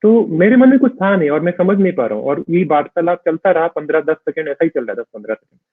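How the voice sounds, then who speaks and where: A man's voice: a little high, animated, quick pace, no echo. A man, a monk being interviewed, recounting his own story hesitantly, with many fillers and English words mixed in. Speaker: monk guest. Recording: dry tinny phone-like sound.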